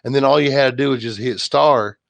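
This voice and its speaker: Casual livestream chat from a male host who rambles along with lots of fillers and false starts. Medium in pitch and a little fast, his voice is creaky, with no echo.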